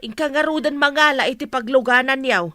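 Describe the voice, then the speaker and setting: An actress playing a brisk, grumbling older mother-in-law in a radio drama. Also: high-pitched, pushed and bright, dry recording, studio quality. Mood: bossy, concerned.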